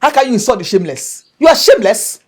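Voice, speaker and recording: Nigerian female scolding mother for film drama: accusatory, emphatic, husky voice with very lively pitch swings. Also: fast. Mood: angry, accusing. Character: indignant, scolding mother fed up with a selfish man.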